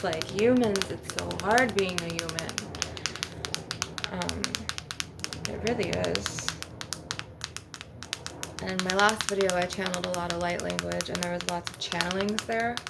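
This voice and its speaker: A woman's voice: lowish voice, fairly even intonation, moderate pace, vocal fry. A woman hosting an ASMR video, talking in a rambling, conversational way with asides between tapping. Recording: very noisy, with clicks and tapping. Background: tapping on glass and objects, clicking.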